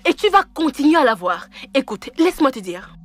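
A stern mother in a dubbed film drama, scolding her son and giving him orders. Her voice sits high and moves a lot in pitch. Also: sing-song, brisk. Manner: scolding, commanding.

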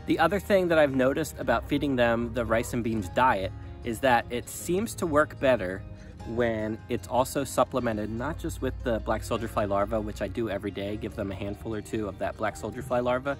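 A man in his thirties talking casually to a handheld phone outdoors in his chicken run, relaxed and rambling with many ums. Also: mid-range voice, normal speed, faint music behind. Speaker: small farm vlogger. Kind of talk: casual vlog talk to camera. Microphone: phone at arm's length.

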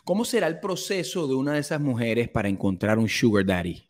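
A man's voice: medium pitch, very animated, a little fast. A man hosting a casual interview, teasing his guest and pressing her with colloquial questions. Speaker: host.

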